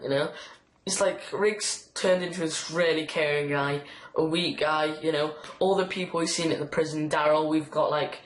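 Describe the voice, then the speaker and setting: A man's voice: a little high, fairly bright tone, a little hiss or hum. A man giving a casual, rambling TV episode review on his channel, full of fillers and enthusiasm. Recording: roomy echo.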